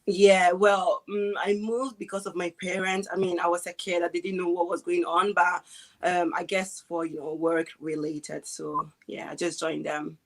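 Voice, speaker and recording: Woman, 20s, from Ghana; lowish voice, relaxed, hesitant interview guest on a video call. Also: normal speed. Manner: relaxed, hesitant, with many fillers and restarts. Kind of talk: casual interview chat.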